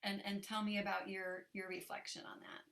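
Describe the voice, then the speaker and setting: Bright-voiced woman interviewer. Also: mid-range voice, monotone, brisk, vocal fry. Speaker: interviewer, host. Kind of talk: conversational interview.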